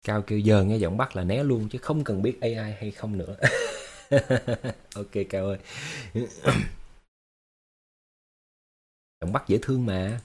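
Guy rambling on a livestream, lowish voice, lots of um and repeats. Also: slow, long pauses, darkish tone, breathy edge. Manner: chatty and explanatory, with many fillers and repeated words. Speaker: livestream host. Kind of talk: casual livestream chat with viewers.

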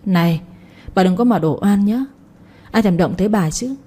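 A woman's voice: medium pitch, normal speed, mellow, close to an everyday voice. A woman voicing a brash, arrogant young village man who speaks as if giving orders, in an audiobook story. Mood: taunting. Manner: commanding, taunting, defiant.

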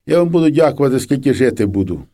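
A man's voice: mid-range voice, sing-song, fast talker, dark tone, voice pushed up. A man voicing a young soldier back from war, tender and pleading, in a storybook reading. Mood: remorseful. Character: young soldier returning home, remorseful man.

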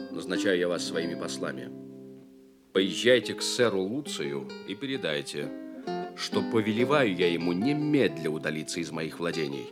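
Deep, solemn King Arthur. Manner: stately, measured. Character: solemn, commanding legendary king. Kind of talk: Soviet audio drama acting.

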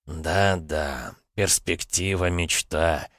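A man's voice: low voice, extremely slow, a bit bright, dry recording, clean studio sound, full character voice. A man voicing a sardonic male spirit who mocks his friend, in an audiobook. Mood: mocking. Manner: sarcastic, drawling.

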